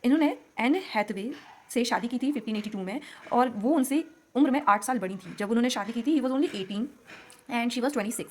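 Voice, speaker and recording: A woman's voice: on the high side, moderate pace, darkish tone, a little hiss or hum. A woman teacher giving an exam-focused literature lesson, asking questions and answering them herself. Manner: explains in Hindi mixed with English terms, asks and answers own questions.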